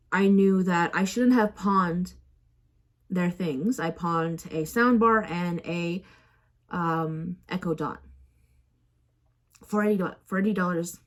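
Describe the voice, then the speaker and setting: A young adult woman telling a story in a casual vlog, rambling and self-mocking, with lots of fillers. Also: on the low side. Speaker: vlogger.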